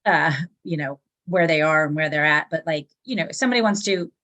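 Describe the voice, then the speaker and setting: A woman's voice: low-pitched, brisk, fairly bright tone. A woman hosting a podcast, asking loose, rambling questions in a casual way. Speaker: podcast host.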